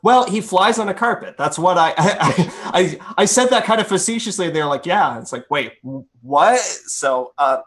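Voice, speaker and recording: A man co-hosting a gaming podcast who talks casually and jokes, often drifting into asides. His voice sits a little high. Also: animated, normal speed, few pauses, fairly bright tone. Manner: joking, laughs often, rambling asides. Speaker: podcast co-host.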